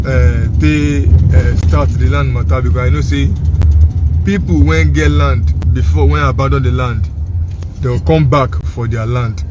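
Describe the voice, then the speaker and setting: A man's voice: medium pitch, highs cut off. A Nigerian man from Edo State speaking Pidgin in a casual running commentary, pleading and repeating himself emphatically to the public. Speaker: roving vlogger. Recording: loud vehicle and road noise.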